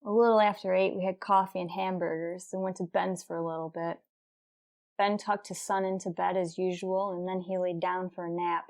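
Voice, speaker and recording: Narrating and leading a radio crime drama, a woman plays a determined detective sergeant with a businesslike edge. She has a lowish, lightly acted voice at normal speed, and her matter-of-fact delivery is terse, deadpan, and procedural.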